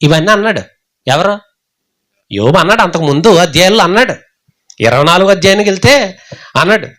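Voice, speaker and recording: A man's voice: high voice, fairly quick. A man preaching a sermon as a pastor, who keeps asking the congregation questions and acts out the quotes. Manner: animated, asks the congregation rhetorical questions, acts out the scripture quotes. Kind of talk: Telugu Bible sermon.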